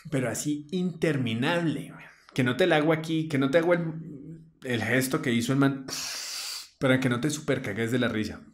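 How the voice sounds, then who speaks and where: A man with a Colombian accent tells a personal story in a lively, slangy way. He often repeats words and phrases as he goes. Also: medium pitch, normal speed. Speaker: vlogger. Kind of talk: personal anecdote.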